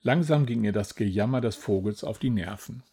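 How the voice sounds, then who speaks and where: A man reading a children's storybook aloud in a gentle, even manner. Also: fairly low pitch, a little fast, slightly rough. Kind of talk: scripted storybook narration.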